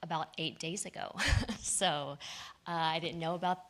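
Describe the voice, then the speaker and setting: A woman's voice: deep voice, unhurried, fairly bright tone. A woman speaking at a podium, telling a personal story in a conversational, earnest way with frequent fillers. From United States. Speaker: guest speaker. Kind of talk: public talk at a podium. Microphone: handheld or lapel microphone.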